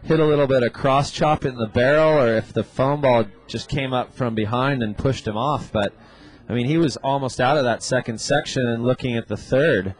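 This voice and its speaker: A man's voice: medium pitch, normal speed, poor audio. A man commentating live on a surf contest as an announcer, in a conversational way with casual surfer slang.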